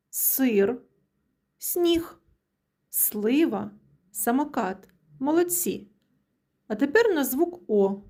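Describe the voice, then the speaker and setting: A woman teaching young children their letters, sounding each letter out slowly and praising them often. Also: a little high, dark tone. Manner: slow, drawn-out sounding of letters; praising, encouraging. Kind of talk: children's literacy lesson.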